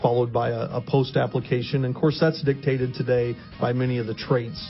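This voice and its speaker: A man's voice: medium pitch, level tone, a little fast, faint music behind. A man with a mid-range voice explains things conversationally as an expert interview guest. The sound is slightly dull and band-limited. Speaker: interview guest, crop science agronomy expert.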